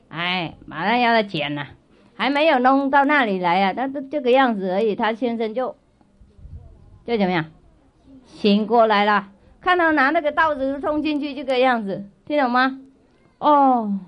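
A woman's voice: fairly high pitch, animated, normal speed, long pauses. A woman spiritual teacher telling a story to children in a chatty way, often repeating herself and asking if they follow. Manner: chatty, checks in with listeners often; repeats and restarts phrases. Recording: dull lo-fi recording.

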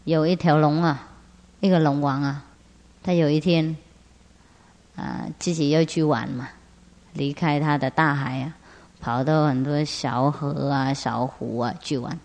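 A woman's voice: low-pitched, fairly even intonation, a little slow, pauses often, darkish tone. Laughing woman teaching in a hall. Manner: frequent laughter, rhetorical tag questions. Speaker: spiritual master. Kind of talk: Buddhist teaching talk with storytelling. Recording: long hall reverb.

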